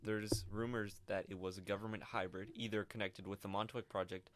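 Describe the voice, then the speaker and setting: Young man reading research, low voice. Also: level tone, fairly quick, background noise. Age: young adult. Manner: reads research aloud, stumbles over names, laughs often. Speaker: podcast co-host. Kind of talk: casual podcast chat.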